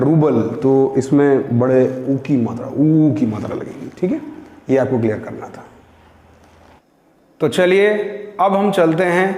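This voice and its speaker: A male teacher giving a beginners' reading lesson, drawing out each syllable slowly and patiently prompting learners to repeat after him. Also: medium pitch, dark tone. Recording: echoey room with long reverb.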